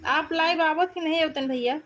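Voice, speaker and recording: A high-pitched woman hosts a live stream. She reads out viewer comments in a friendly way, repeating greetings and thanks. Faint noise sits behind her voice. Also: moderate pace, a bit bright. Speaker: livestream host.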